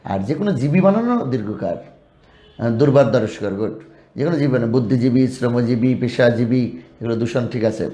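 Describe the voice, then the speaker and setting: A man with a Bangladeshi Bengali accent teaches spelling, calling out long word lists in a lilting, rising chant. His voice is mellow and a little dark. The sound carries the echo of a hard room. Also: mid-range voice, lively intonation, fairly quick. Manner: drills word lists in a rising sing-song. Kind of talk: spelling lesson.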